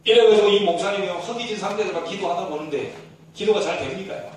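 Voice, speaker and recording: A male pastor preaching a Sunday sermon with a fairly high voice, telling a story with animated swings. His voice booms around a large, reverberant sanctuary. It is caught by a distant mic over faint room hum. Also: quick pace. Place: church sanctuary. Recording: echoey church hall, distant mic.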